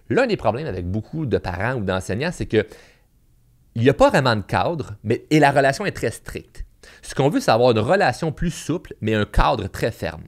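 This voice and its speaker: A man with a Quebec French accent hosting a podcast, telling anecdotes in a casual, animated way full of fillers and restarts. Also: mid-range voice. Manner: animated storyteller with many fillers and repeats. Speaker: podcast host.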